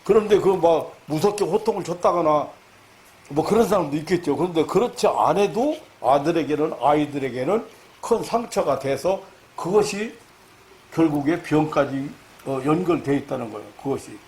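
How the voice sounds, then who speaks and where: Animated Korean pastor preaching a lecture. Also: male voice. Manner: animated, rising loud and high when stressing points; halting, many fillers and restarts. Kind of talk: sermon lecture.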